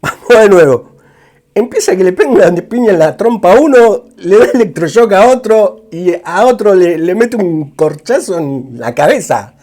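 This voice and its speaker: A man with an Argentine accent giving music reaction commentary, excitable and repeating words in quick bursts. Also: high voice. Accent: Argentine Spanish.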